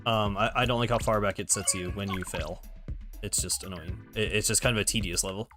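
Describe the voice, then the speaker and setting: A man's voice: lowish voice, fairly even intonation, a little fast. Rambling man streaming a game. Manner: rambling, with restarts and frequent laughs. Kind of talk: casual gameplay commentary. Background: game music.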